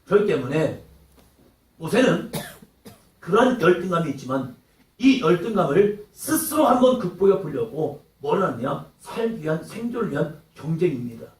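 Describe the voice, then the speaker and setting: A man preaching a sermon in a church, dramatic, swinging between loud outbursts and hushed lines and acting out quoted voices. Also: a little high, big pitch swings, normal speed. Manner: acts out taunting quotes in character. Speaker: pastor. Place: church hall. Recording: echoey hall, mic at a distance.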